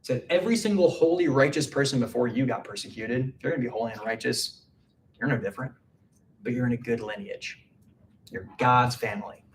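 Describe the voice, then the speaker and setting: A man's voice: medium pitch, brisk, recorded from a distance, a little hiss or hum. A man preaching a casual midweek sermon, chatty and full of "like" fillers. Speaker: pastor.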